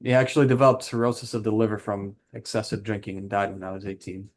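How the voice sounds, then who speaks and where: A man's voice: fairly low pitch, flat delivery, quick pace, lightly acted. Plain-spoken, defensive husband, played by a man. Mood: subdued, reflective. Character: frustrated, defensive husband who drinks, admits anger issues. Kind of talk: counselling role-play.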